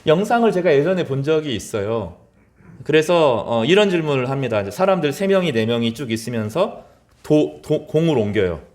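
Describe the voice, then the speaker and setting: A middle-aged male pastor preaching with a lively, swinging delivery. His voice sits a little high and climbs sharply when he voices questions, then sinks low and soft as phrases end. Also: fairly quick. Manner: animated preaching, voice rising high in acted quotes and dropping low at phrase ends. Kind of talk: sermon.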